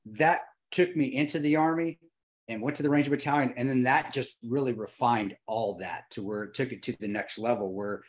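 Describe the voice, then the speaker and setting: Man in his fifties, husky voice, middle pitch, earnest, reflective storytelling, frequent restarts. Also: fairly quick. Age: 50s. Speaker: guest, former Army Ranger and firearms instructor.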